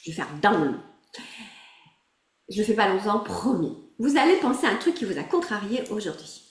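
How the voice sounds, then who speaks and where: Lively woman coach, roomy sound. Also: mid-range voice, normal speed. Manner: lively and encouraging, laughs often, talks to participants by name. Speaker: emotional wellbeing coach. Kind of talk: guided group coaching exercise. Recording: roomy echo.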